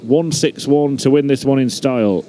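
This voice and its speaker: A man's voice: mid-range voice, moderate pace, noisy background. A man giving live sports commentary as a darts commentator.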